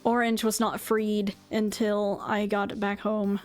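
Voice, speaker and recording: A woman's voice: medium pitch, level tone, slow, faint music behind. A woman streamer chatting casually and rambling, with lots of fillers and restarts. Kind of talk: casual chat recounting a convention.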